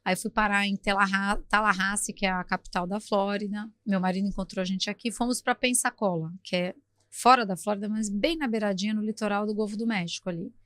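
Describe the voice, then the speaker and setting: A middle-aged woman from Brazil, a podcast guest who tells her story in a lively, talkative way, acting out sounds as she goes. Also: medium pitch, a little fast, no room sound, clean studio sound.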